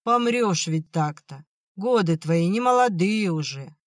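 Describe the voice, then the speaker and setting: A gentle young peasant son, as the narrator voices him, coaxing in a soft, slightly raised tone. The delivery is slow and close-miked with no room sound. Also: mid-range voice, lively intonation, no echo, lightly acted.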